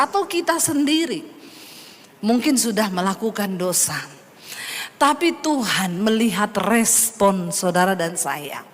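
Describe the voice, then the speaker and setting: A woman's voice: a little high, long reverb tail. A woman pastor preaching a sermon, calling the congregation "brothers and sisters" and acting out inner voices. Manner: addresses congregation as "saudara", acts out inner voices.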